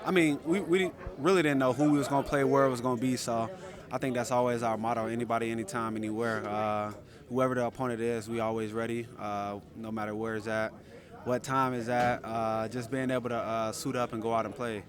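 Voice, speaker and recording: A man's voice: mid-range voice, fairly even intonation, fairly quick, a crowd in the background. A young man, a football player, giving casual locker room interview answers. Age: young adult. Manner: casual, often says "man" and "you know". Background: loud music.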